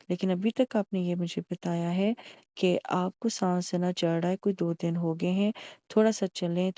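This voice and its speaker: A woman's voice: fairly low pitch, mellow, no room sound, dull audio. A woman playing a doctor in a mock consultation, asking methodical questions and narrating each examination step aloud. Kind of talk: mock clinical consultation, history taking.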